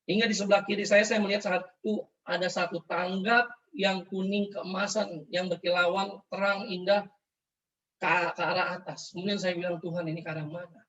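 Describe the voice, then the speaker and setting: A man's voice: sits high, little pitch movement, normal speed, a bit bright. A man preaching an emotional testimony in a fervent, repetitive storytelling manner. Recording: distant mic, dull lo-fi sound.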